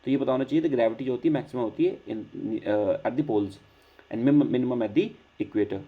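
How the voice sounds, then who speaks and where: A man's voice: mid-range voice, normal speed, slightly rough, phone-quality sound. A man with an Indian accent teaching an online class, mixing Hindi and English and checking in often with his students.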